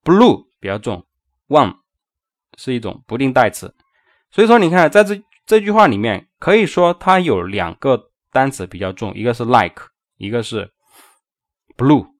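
Male English teacher, patient and repetitive, rhetorical questions, pitch rising and falling a lot, dry close sound. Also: very animated, normal speed, dry recording. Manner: patient, repeats words and asks rhetorical questions; trails off quietly at the end of phrases. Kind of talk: explaining English sentence stress in Mandarin.

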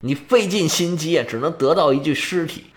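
A man's voice: a little high, a little fast, close to an everyday voice. A man voicing a fierce, defiant young noblewoman. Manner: indignant, fierce.

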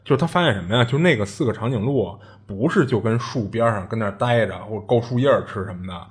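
A podcast host tells a strange tale as casual storytelling, chatty and rambling, full of fillers and restarts. His voice is fairly low and husky, and he talks fast.

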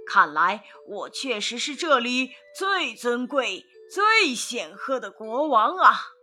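A woman voicing a proud, boastful male lion king in a children's storybook, loud and grandly self-satisfied. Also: on the high side, big pitch swings, takes it slowly, soft background music, exaggerated voice. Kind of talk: storybook narration.

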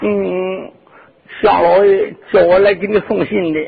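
A man's voice: high voice, little pitch movement, measured pace, gravelly, breathy edge, heavily acted. A male storyteller voicing a sly, cringing young male servant clown who whines and wails in mock crying. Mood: timid. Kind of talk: traditional sung storytelling with dialogue. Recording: dull lo-fi with long reverb.

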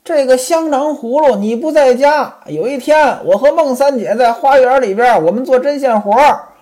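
A woman's voice: moderate pace, mellow. A woman storyteller voicing a cunning young concubine who wails and protests her innocence in a raised, pleading voice. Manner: high wailing protesting pleading.

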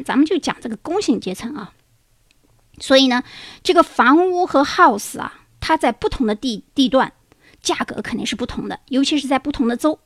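A woman's voice: on the high side, no room sound, clean studio sound. A woman whose first language is Chinese, giving a chatty, anecdotal lecture as a teacher. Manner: chatty, anecdotal, with rising exclamations. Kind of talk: casual lecture on living in America.

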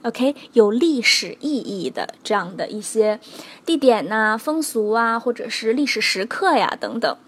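A woman's voice: fairly high pitch, sing-song, unhurried, slight background noise. A young adult woman teaching English vocabulary in Mandarin, mixing in English examples and patiently checking in with her students. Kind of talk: recorded language lesson.

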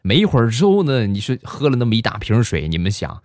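A young man hosting a show, telling funny stories in a lively, chuckling manner. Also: mid-range voice, fast talker, heavy background noise. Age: young adult. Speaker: host. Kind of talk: comedic storytelling monologue.

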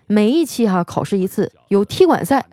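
A young woman, telling comic stories as a radio host in a wry, deadpan way and playfully voicing the people she quotes. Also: medium pitch, normal speed, dry recording. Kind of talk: comic storytelling monologue.

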